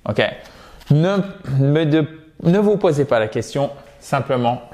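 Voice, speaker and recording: A French-speaking man giving a video English lesson, repeating words slowly and checking with "ok?" often. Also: a little high, expressive, dark tone. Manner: repeats words slowly to drill them, frequent "ok?". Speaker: English teacher. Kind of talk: video lesson, explaining and modelling pronunciation.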